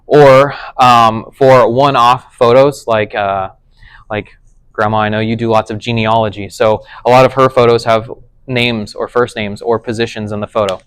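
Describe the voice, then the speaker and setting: A man's voice: medium pitch, level tone, normal speed, fairly bright tone, smooth, no echo, poor audio. A man teaching a casual tech class, explaining things conversationally and often checking whether his listeners follow. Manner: conversational, checks understanding with frequent "does that make sense".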